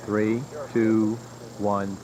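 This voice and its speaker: A man with a fairly low voice delivers formal, measured countdown commentary. The broadcast sounds archival, with clear background noise. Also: level tone, mellow. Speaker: launch commentator. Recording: noisy archival broadcast audio.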